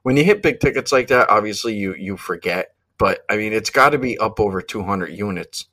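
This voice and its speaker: A man's voice: on the low side, animated, brisk, sharp tone. A man hosting a casual sports betting podcast, rambling with many fillers and restarts. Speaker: podcast host.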